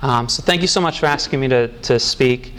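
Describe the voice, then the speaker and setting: Guy sharing his story at a meeting, halting and reflective, kinda choked up. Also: medium pitch, a bit bright. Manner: halting and reflective, with pauses and restarts. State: moved, close to tears. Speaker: speaker at a recovery meeting. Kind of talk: personal testimony.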